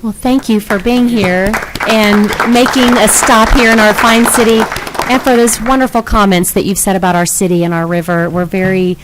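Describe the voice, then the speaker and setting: A woman's voice: mid-range voice, fairly even intonation, background noise. Gracious woman chairing a council meeting. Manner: gracious, measured, welcoming. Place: city council chamber.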